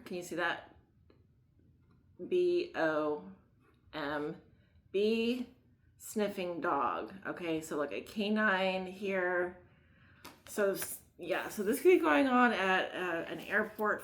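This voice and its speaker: Her voice fairly low and a bit bright, a tarot reader with a Mid-Atlantic Maryland accent does a laid-back reading in a reverberant space. She rambles, leans on fillers, and laughs at herself.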